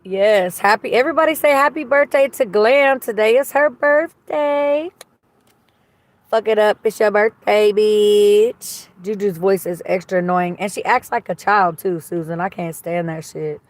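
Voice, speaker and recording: A woman with a slightly raspy, mid-range voice hosts a livestream, speaking a little slowly with no echo. She chats casually and reads viewer comments in a blunt, gossipy manner, swearing throughout.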